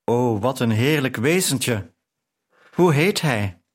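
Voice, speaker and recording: A man's voice: medium pitch, lively intonation, slow pace. A male audiobook reader voicing an emotional young woman, a devoted daughter, in an earnest, tender way. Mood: warm. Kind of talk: audiobook character reading.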